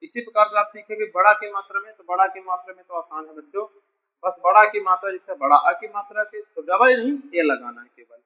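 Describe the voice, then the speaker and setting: A man's voice: high voice, fairly quick, pushed and bright, dull audio. A man teaching a beginner English lesson, patiently repeating each point and calling his students dear children. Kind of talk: classroom lesson explaining spelling.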